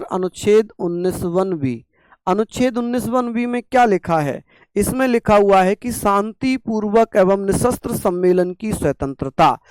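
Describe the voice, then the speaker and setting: A man teaching a class on constitutional rights, asking rhetorical questions and slowly repeating key terms. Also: high voice, darkish tone, smooth, no echo, studio quality.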